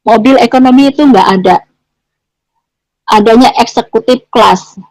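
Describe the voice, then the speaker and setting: Woman, middle-aged, somewhat high voice, dry close sound, repetitive conversational testimony. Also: moderate pace, darkish tone, dry recording, low-quality recording. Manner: repetitive, restates phrases, ends clauses with "gitu". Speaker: guest giving a testimony.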